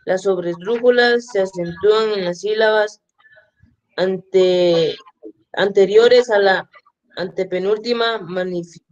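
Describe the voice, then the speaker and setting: A student reading a textbook aloud on a video call, slowly and carefully, restarting some words. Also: female voice, mid-range voice, darkish tone. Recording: dull lo-fi sound.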